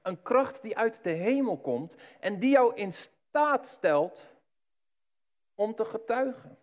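High-voiced man preaching a sermon. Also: lively intonation, slow pace. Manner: emphatic, swinging between hushed and loud; addresses listeners directly.

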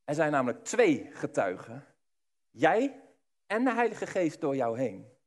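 High-voiced man preaching a sermon. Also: big pitch swings, measured pace. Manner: emphatic, swinging between hushed and loud; addresses listeners directly.

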